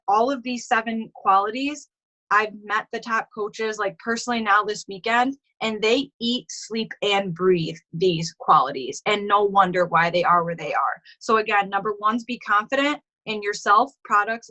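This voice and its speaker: A woman with a bright, forceful voice gives a list of motivational tips on a team call. She sounds upbeat and informal and keeps saying "like.". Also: medium pitch, normal speed, rough recording. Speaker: team coach giving tips.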